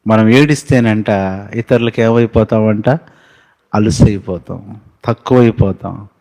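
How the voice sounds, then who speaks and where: Male pastor, measured sermon delivery, emphatic repeated questions. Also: fairly low pitch, fairly even intonation, mellow, rough recording. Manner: preaching with emphatic rising questions and sung hymn lines.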